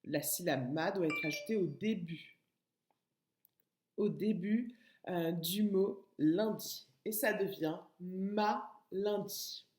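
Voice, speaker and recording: Slow, patient woman teacher, echoey room. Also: lowish voice, a little mellow. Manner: slow, patient, addresses child directly. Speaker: kindergarten teacher. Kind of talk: recorded remote lesson.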